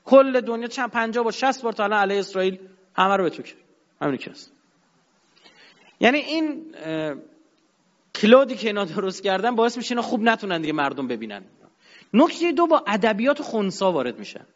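Man lecturer, high pitched, emphatic delivery, muffled lo-fi recording in a reverberant hall. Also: big pitch swings, pauses often, fairly bright tone. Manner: emphatic, rising and dropping sharply. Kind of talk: religious-political lecture. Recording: dull sound in a long-reverb hall.

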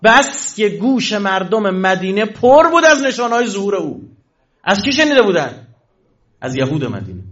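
A man's voice: high voice, a bit bright. A man giving a religious lecture to an audience, asking questions and answering them himself. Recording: dull lo-fi recording.

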